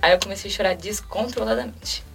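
A Brazilian woman in her twenties, appearing as an interview guest, retells a personal story quickly and emotionally, slipping into quoted dialogue. Her voice is mid-range and gravelly with a Brazilian Portuguese accent. She's some distance from the mic, with faint music playing underneath.

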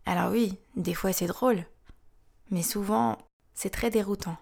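Frank, gravelly woman podcast host. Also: mid-range voice, unhurried, darkish tone. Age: 30s. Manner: frank, wry, confiding. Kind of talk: scripted podcast narration.

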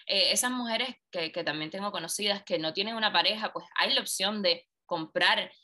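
A woman's voice: medium pitch, moderate pace. A woman guest, telling a personal story in conversation and acting out the dialogue. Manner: animated, acts out quoted dialogue. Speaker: interview guest.

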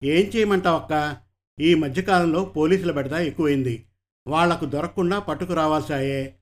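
A man voicing a sly, rough male kidnapper with coarse rustic speech and a wheedling way of talking. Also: on the high side, moderate pace, close to an everyday voice.

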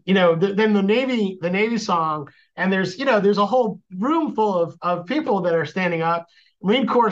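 A man chatting casually as an interview guest, halting and repeating words as he goes. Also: high voice, fairly bright tone. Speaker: podcast guest, lawyer. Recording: dull, lo-fi audio.

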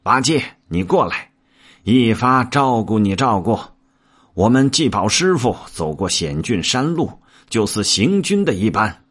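A man's voice: on the low side, big pitch swings, measured pace, fairly bright tone, breathy edge, full character voice. A man voicing a clever, teasing monkey monk in a told story. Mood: mocking. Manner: teasing, chuckling.

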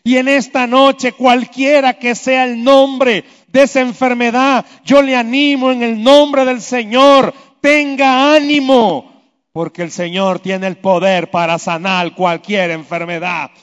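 A man preaching a sermon, swinging between loud emphatic lines and hushed low ones. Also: fairly even intonation, slow, clear, resonant tone. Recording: echoey hall, dull lo-fi sound.

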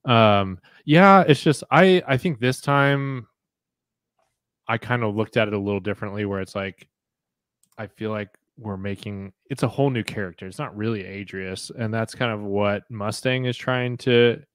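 A man's voice: on the low side, normal speed, fairly bright tone, clean tone, no echo, studio quality. A man talking as a podcast guest, thoughtful and hesitant with many "like" fillers. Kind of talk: casual chat.

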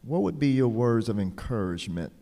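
A man hosting a recorded session, interviewing conversationally in a halting way, rephrasing as he goes. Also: mid-range voice, big pitch swings, warm tone. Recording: long hall reverb.

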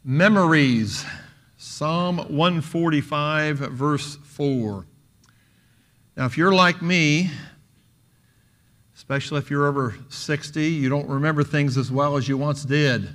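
Man, preacher, sermon, storytelling, bright tone. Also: fairly high pitch, slow. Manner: storytelling with jokes, raising voice for quoted lines.

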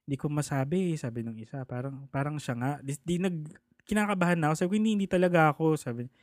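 A man's voice: fairly high pitch, fast, no echo, clean studio sound. A man casually telling a personal story, acting out the people he quotes. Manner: animated, acts out the people he quotes.

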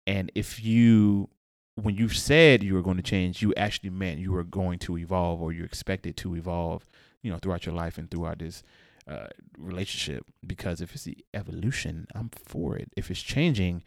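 A man's voice: low voice, creaky, no echo, studio quality. A young man co-hosting a podcast, casually thinking aloud, searching for words and quoting his own thoughts. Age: young adult. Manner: rambling, searches for words, quotes himself. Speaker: podcast co-host. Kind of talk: casual chat.

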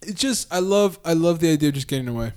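A young man chatting casually with a friend, telling a long, animated story full of slang and swearing. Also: fairly high pitch, fast, clean tone. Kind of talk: casual chat.

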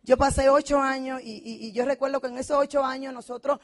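A woman's voice: high voice, steady tone, a little fast. A middle-aged woman telling an emotional testimonial, dramatic and passionate, acting out quoted dialogue. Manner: passionate, dramatic storytelling with vivid quoted dialogue and frequent shouting. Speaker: motivational speaker at a business convention.

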